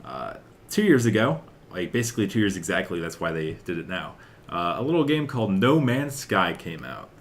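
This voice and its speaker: Very animated and a little fast, a young man with a low-sitting voice hosts a podcast about video game news. He chats casually and rambles, dropping lots of filler like "like" and "uh," with slight background noise audible.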